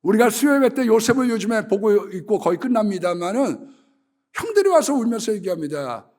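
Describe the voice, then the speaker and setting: A man preaching a sermon as pastor, animated, swinging between loud exclamations and hushed asides, acting out quoted voices. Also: high voice, a little fast. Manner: acts out quoted voices in dialogue.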